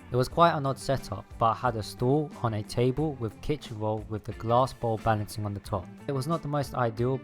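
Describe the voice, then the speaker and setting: A man reading a scripted voice-over as a video creator, explaining his process step by step. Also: fairly low pitch. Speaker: video creator narrating his own making-of. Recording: music behind the voice. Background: background music.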